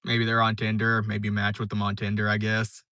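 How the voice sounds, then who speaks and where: With a voice on the low side and a sharp tone, a young man talks a little slowly and with fairly even intonation during a live stream. He's laid-back, reading viewer comments and rambling through many fillers and restarts, and the recording is dry with clean studio sound.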